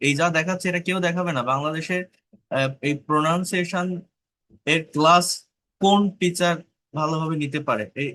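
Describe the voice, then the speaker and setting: A man's voice: fairly high pitch, a bit bright. A man with a Bangladeshi accent teaching pronunciation in an online class, drilling sounds one by one and checking whether students follow. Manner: repeats sounds slowly for drilling, asks students if they follow.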